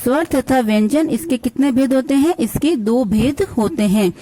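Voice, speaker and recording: A Hindi teacher with a rather high, mellow female voice gives a school grammar lesson, spelling words out sound by sound and answering her own questions for the children.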